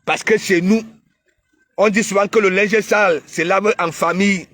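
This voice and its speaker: A man from Cameroon with a Cameroonian accent, hosting a casual live stream where he mocks and teases, often breaking into shouts. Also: high voice, fairly even intonation, normal speed, no echo. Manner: mocking, teasing, bursts of shouting.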